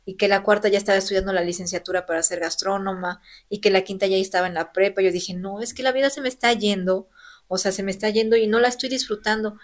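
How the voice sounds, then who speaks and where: A woman, in her thirties, telling her personal story as an interview guest, earnest and animated. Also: mid-range voice, fast. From Mexico. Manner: earnest, animated, acts out quoted voices. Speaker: interview guest, elected local legislator.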